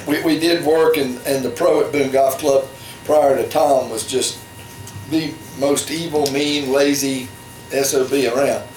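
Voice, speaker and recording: A man's voice: fairly even intonation, measured pace. Older man telling family stories in a rambling way, with dry asides. He sits well off the mic in an echoey room with faint hiss, on a poor stream. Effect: low-quality stream audio. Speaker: family storyteller. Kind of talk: casual reminiscing. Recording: distant, echoey room, faint background noise.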